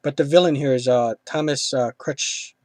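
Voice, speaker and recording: A man's voice: mid-range voice, normal speed, no room sound. Guy hosting a movie review chat, lots of ums and restarts, dry close sound. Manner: rambling, many fillers and restarts. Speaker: film review host.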